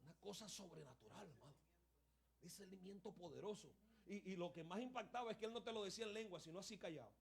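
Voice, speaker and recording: Male preacher, lively storyteller, slightly high voice, church sermon. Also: quick pace, creaky, breathy edge. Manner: animated, tags lines with "hermano" and "pastor".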